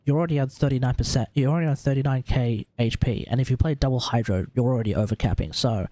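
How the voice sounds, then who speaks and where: A quick-talking Australian man with a dark-toned, mid-range voice hosts a gaming livestream, and the sound has no echo. He casually advises viewers on character builds, cursing and thinking aloud as he goes.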